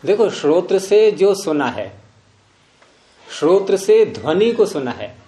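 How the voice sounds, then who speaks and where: A man's voice: high-pitched, sing-song, takes it slowly, warm tone, roomy sound. A man teaching philosophy to a class, often prompting students with questions. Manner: questioning, repeatedly prompting with "hmm?". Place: room with students present.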